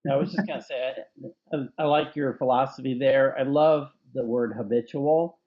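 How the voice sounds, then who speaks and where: A man's voice: medium pitch, fairly even intonation, moderate pace, muffled recording. A man hosting a conversational discussion, eagerly affirming his guest before adding his own views. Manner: affirming, enthusiastic interviewer. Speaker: company CEO and host.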